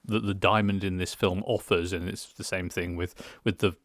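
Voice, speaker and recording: A tipsy man with a fairly low voice, recorded dry and close to the ear. He talks through a film review in a rambling, halting way, tripping over words and trailing off as the drink shows in his speech. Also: little pitch movement, no room sound. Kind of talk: casual solo film review, rambling opinion.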